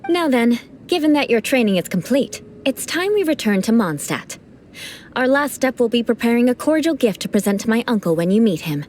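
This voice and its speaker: In this video game cutscene, a woman voices a proud young noblewoman knight who mentors others with dry, teasing remarks. Her slightly high voice swings widely in pitch, moving briskly with a darkish tone. The mood is cool and the manner formal and haughty, with faint background noise.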